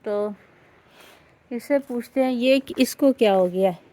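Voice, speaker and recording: A woman's voice: fairly high pitch, dark tone. A woman from Pakistan in a casual home vlog who talks worriedly, asks questions and repeats herself. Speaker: vlogger's wife.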